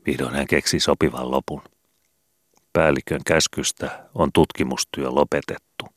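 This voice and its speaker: A man reading a children's book aloud in calm, measured scripted narration. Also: very deep voice, dry recording, studio quality. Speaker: audiobook reader.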